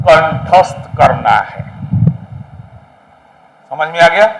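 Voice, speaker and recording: A man's voice: high voice, noisy background. A middle-aged man with a Bihari Hindi accent, giving a classroom lecture to exam students, emphatic and repetitive, often checking in with them. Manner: emphatic, repetitive, addresses students directly with frequent "है ना?". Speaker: coaching class teacher.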